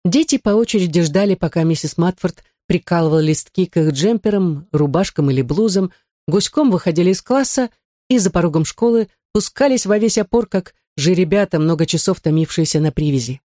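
A woman reading a novel aloud as the narrator, in an even, measured way. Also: on the low side, no echo. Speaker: audiobook narrator. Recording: dry close studio sound.

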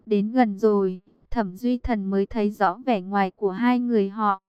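A woman narrating an audiobook in an even storytelling manner. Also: medium pitch, moderate pace, clean tone, no room sound, dull audio. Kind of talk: scripted narration.

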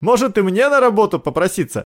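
A man's voice: high-pitched, big pitch swings, moderate pace, pitched above the performer's own voice. A man voicing a young male prisoner who stays wry and cheeky under threat, in a raised voice.

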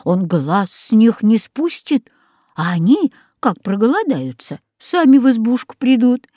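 A woman voicing a scheming old forest witch in a storybook reading, sweet and coaxing, drawn out slowly. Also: on the high side, very animated, warm tone, no room sound, studio quality. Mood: sly coaxing.

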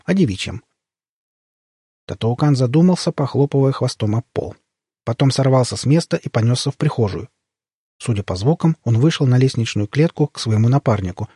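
A male narrator reads a comic story with a wry, expressive delivery. His voice is husky and mid-pitched, recorded dry and close with no room sound. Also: dry recording. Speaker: audiobook narrator.

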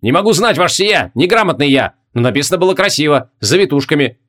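A man's voice: fairly high pitch, lively intonation, fast, fairly bright tone. A man voicing a big, eager, simple-minded young soldier who barks his answers in rustic speech, in an audiobook. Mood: eager barking.

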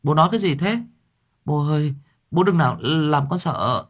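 A man voicing a frightened young son who calls out in high, pleading cries. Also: animated, normal speed, slightly rough.

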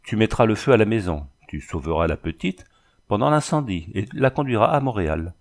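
A man voicing a middle-aged sea captain from an old adventure storybook, scheming and used to being obeyed. He speaks in curt, commanding orders, his voice sitting low and steady. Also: brisk.

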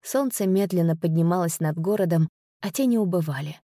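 A woman reads a story aloud at an even, unhurried pace. Her voice sits low for a woman, and the recording is dry and close with no room sound. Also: dry recording. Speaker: audiobook narrator. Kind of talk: scripted narration.

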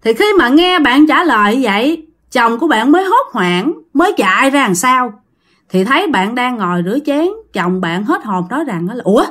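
A woman's voice: a little high, expressive, normal speed, a bit bright. A woman telling a ghost story in a chatty way, often speaking straight to her listeners. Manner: chatty, addresses listeners directly.

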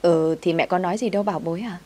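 A woman voicing a stylish, doting rich mother in her forties who speaks slowly and sweetly. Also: on the low side, darkish tone, close to an everyday voice.

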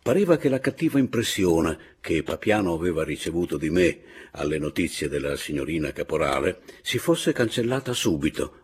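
A man reading a classic novel aloud in a measured, expressive narrating voice. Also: low-pitched, husky. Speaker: audiobook narrator. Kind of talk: literary audiobook narration.

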